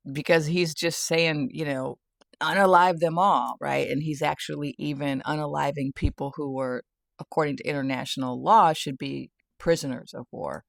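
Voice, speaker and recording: A woman's voice: low voice, vocal fry, no room sound, clean studio sound. A woman giving a casual satirical monologue about the news, often breaking into laughter and talking with sardonic glee. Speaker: tarot and spirit-guide commentator. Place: home, near a garage.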